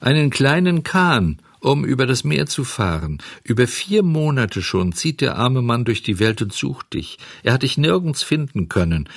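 A giant, friendly storybook pigeon asks brisk, curious questions in a raised, lively voice, as a man puts him on. The voice is husky and dry. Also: medium pitch, no room sound, pitched above the performer's own voice. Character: huge talking male pigeon, friendly and curious.

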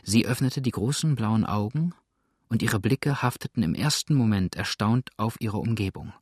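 A man narrating a novel in a measured audiobook reading. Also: lowish voice, animated, a little mellow, breathy edge, dry recording, clean studio sound.

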